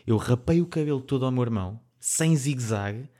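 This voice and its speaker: Um jovem adulto com sotaque português europeu conta uma história num podcast descontraído. Fala de forma animada, com muitos risos pelo meio, e a voz tem altura média. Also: male voice, mid-range voice, fairly quick. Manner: lively storyteller, laughs often. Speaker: podcast co-host. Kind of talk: casual chat.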